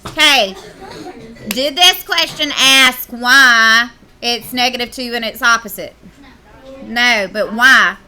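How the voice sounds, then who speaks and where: A woman's voice: fairly high pitch, takes it slowly, bright, forceful tone. A woman teacher, leading a classroom math lesson and playfully teasing her students.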